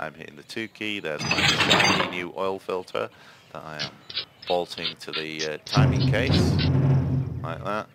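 A man giving chatty gameplay commentary, explaining each step and checking in with "yeah?" asides. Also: low voice. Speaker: game reviewer.

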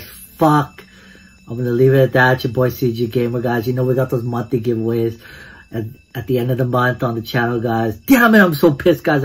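A man giving casual live commentary on his own gameplay as a YouTuber, excitable, swinging between hushed muttering and yelling, and saying "guys" constantly. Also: mid-range voice, breathy edge. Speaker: gaming YouTuber. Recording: game music behind the voice.

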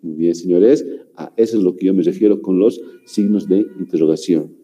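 A man from Bolivia teaching a grammar class, speaking slowly and repeating himself, forever checking in with "¿no?" and "muy bien". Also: deep voice, dark tone, low-quality recording. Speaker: language teacher.

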